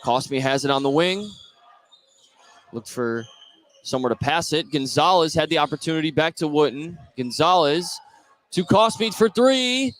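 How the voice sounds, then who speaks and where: Calling basketball live on the radio from an indoor school gym, this male announcer has a voice on the high side with a bit of brightness and a moderate pace. Gym noise comes through clearly on the noisy courtside feed.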